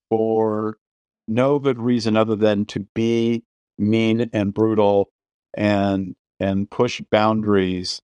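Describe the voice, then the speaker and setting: A middle-aged man with a somewhat low voice holds forth on movies in casual podcast talk. He circles back on his words and restarts sentences as he presses his points. The sound is dry and close. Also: darkish tone, clean tone, no room sound. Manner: opinionated, many restarts and repeated words. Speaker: podcast host. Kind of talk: casual film discussion.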